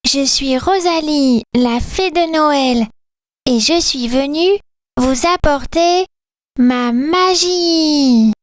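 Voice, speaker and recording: A kind, cheerful Christmas fairy from a children's storybook, encouraging and sing-song in a high voice, as a woman puts her on. She speaks slowly, close to the mic in a dry room. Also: no echo.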